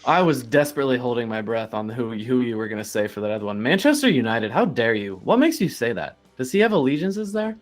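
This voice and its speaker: A man's voice: medium pitch, expressive, quick pace, hardly any pauses, a little mellow, soft background music. A man co-hosting a casual sports podcast, playful and mock-outraged. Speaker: podcast co-host. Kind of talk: casual chat.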